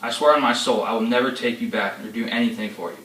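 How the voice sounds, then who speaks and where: A man voices a domineering, hot-tempered noble father, scolding and ranting in a raging mood with a bright, forceful tone. His voice is lowish, level and fast, close to an everyday voice. The recording sounds echoey and distant, with a faint hum of ambience.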